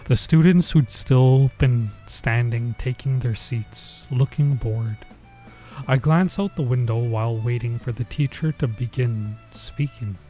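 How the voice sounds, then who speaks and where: A man's warm, medium-pitched voice reads a visual novel aloud at a measured pace during a stream. Between lines he drops informal, bemused asides, and game music sits under the recording.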